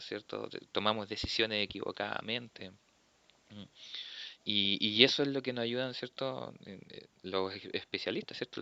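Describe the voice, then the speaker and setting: A man with a Chilean accent giving a philosophy class, explaining patiently and tagging his points with quick check-in questions. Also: lowish voice, creaky, bright, forceful tone, no room sound, highs cut off. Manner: explanatory, tags sentences with "¿cierto?". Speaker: philosophy teacher. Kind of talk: classroom lecture.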